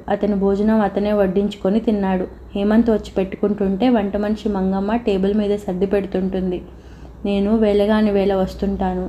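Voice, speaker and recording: A woman reading a novel aloud as an audiobook narrator, in a steady, even storytelling voice. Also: medium pitch, lo-fi sound, a little hiss or hum.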